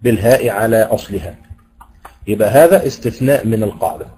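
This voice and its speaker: A man with an Egyptian accent giving a university lecture on Quranic recitation, explaining slowly and pausing with hesitation sounds. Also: fairly low pitch, expressive, warm tone, rough recording. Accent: Egyptian Arabic.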